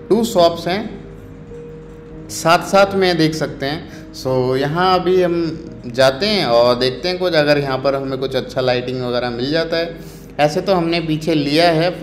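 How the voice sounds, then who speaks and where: An Indian travel vlogger with a slightly high voice narrates a casual walk through a busy night market in the city, talking to viewers in Hindi mixed with English and full of fillers. The outdoor recording has an echoey street sound with faint ambience.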